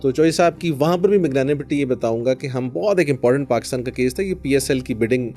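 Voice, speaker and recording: A man's voice: medium pitch, fast talker, warm tone, soft background music. Earnest Pakistani-accented man telling stories. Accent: Pakistani Urdu. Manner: earnest, storytelling, mixing English phrases. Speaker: lawyer, podcast guest. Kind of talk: conversational interview answers.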